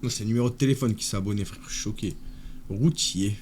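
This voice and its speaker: A man's voice: fairly low pitch, quick pace, darkish tone, a little hiss or hum. A man hosting a livestream, chatting casually with crude joking banter. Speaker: streamer.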